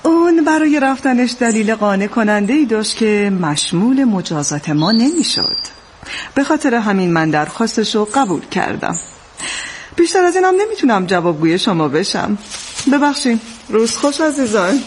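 Casting: a formal, composed older keeper of a retreat, lively melodic delivery. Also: female voice, fairly high pitch, slight background noise. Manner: formal, calm and measured. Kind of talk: dubbed film acting.

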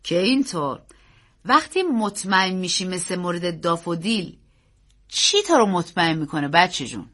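A woman's voice: lowish voice, big pitch swings, a bit bright. A woman voicing a jovial grown uncle who speaks in a teasing, coaxing way. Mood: wary. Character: jovial grown uncle, amused then wary.

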